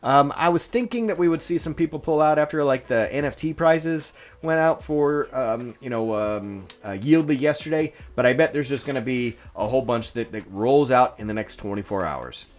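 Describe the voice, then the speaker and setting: A man hosting a casual solo news vlog, chatty and excitable, with plenty of fillers and quick asides. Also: mid-range voice. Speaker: crypto news host.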